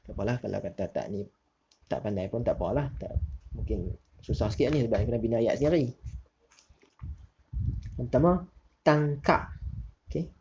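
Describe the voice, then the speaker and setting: Man teaching slowly, dull lo-fi sound. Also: medium pitch, a little hiss or hum. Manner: slow, deliberate reading of questions, relaxed asides to pupils. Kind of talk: recorded class lesson. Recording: dull lo-fi recording.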